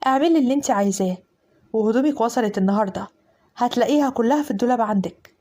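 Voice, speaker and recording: A woman's voice: on the high side, warm tone, natural voice. A woman voicing a stern commanding husband. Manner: slow, firm, laying down orders. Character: stern domineering Upper Egyptian husband, cold and commanding.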